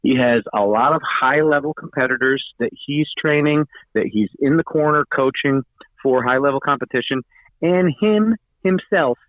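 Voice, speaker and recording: A man's voice: mid-range voice, moderate pace, no echo. A man calls in to co-host a podcast, his voice squeezed through a narrow, tinny phone line. He banters and bickers in mock offense. The sound is dry, with no room around it. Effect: speaking over a phone line.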